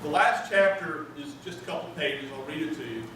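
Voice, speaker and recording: A man's voice: fairly high pitch, lively intonation, fairly quick. An older man, an author, talks informally to an audience. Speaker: author, speaker at a reading. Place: echoey room before a live audience. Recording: echoey room, far from mic, noisy.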